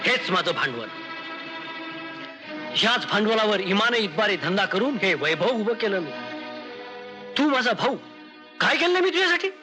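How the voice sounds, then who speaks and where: A man's voice: high voice, lively intonation, moderate pace, pauses often, music in the background. An actor playing a proud, wealthy village merchant who lectures his wayward brother in an old film. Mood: reproachful. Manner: reproachful lecturing, then gracious. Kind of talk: 1980s film acting.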